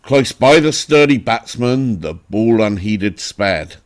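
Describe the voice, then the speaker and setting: A man with an English accent giving a dramatic, theatrical recitation of a narrative poem, with deliberate, emphatic phrasing. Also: lowish voice, expressive. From England. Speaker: poetry reader.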